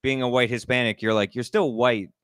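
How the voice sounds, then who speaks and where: A man co-hosting a casual comedy talk show, wry and quick with asides, often laughing. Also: medium pitch, fairly even intonation, fairly bright tone, clear, resonant tone, dry recording, clean studio sound. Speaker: comedy podcast co-host. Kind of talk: casual chat.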